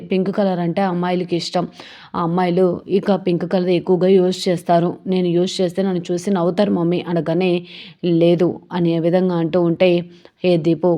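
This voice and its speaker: A woman narrates a TV serial episode, speaking the characters' lines in her own steady voice. Her tone is low and mellow and barely rises or falls. The telling stays even throughout.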